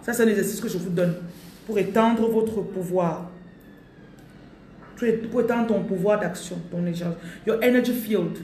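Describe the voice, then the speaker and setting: A woman coaches her audience spiritually in a live talk, declaring affirmations forcefully, repeating phrases and mixing in English. Her mid-range voice has a dark tone at a normal speed, and the recording carries a little hiss or hum along with a roomy echo from a distant mic.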